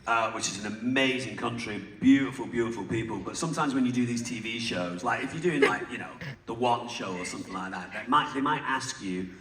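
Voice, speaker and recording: A man's voice: medium pitch, a little fast, hardly any pauses, distant mic. A man telling anecdotes on a convention panel, chatty and laughing often. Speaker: panel guest. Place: large convention hall. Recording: echoey hall with noise.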